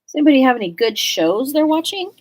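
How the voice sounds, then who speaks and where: A woman's voice: high-pitched, big pitch swings, fast talker. A woman in her forties from Southern California, chatting casually and rambling as she makes art on a live stream. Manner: rambling and chatty, full of likes. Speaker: artist hosting a live stream. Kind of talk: casual chat while making art.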